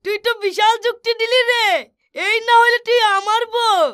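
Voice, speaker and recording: A stingy, self-pitying village man from a comic cartoon, acted by a woman, weeping and complaining. The voice sits very high and bright. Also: level tone, moderate pace, faint music behind. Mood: scolding. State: crying.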